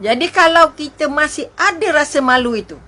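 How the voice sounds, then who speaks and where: A woman's voice: high-pitched, brisk, bright, forceful tone. A woman with a Malaysian Malay accent giving an emotive religious talk, full of rhetorical questions and exclamations. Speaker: religious speaker.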